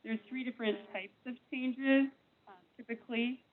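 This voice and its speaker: A woman's voice: on the high side, fairly even intonation. A woman staff presenter explaining a plan to a meeting, speaking through a face mask, her voice cutting in and out. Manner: measured, explanatory, frequent ums. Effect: voice cutting in and out over a thin remote line. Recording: tinny phone-like line, breaking up.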